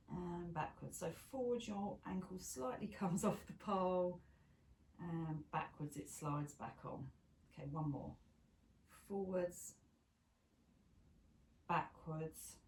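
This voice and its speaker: A woman instructor leading a pilates class, counting down reps and giving steady step-by-step cues. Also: sits low, a little hiss or hum. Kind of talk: guided exercise class cueing. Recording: echoey room from a distance.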